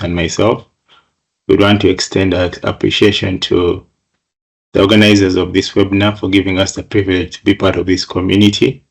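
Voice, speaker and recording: A middle-aged man from Uganda giving a webinar presentation over a video call, measured, often repeating words as he goes. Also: low-pitched, gravelly. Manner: measured, flat delivery with frequent repeated words.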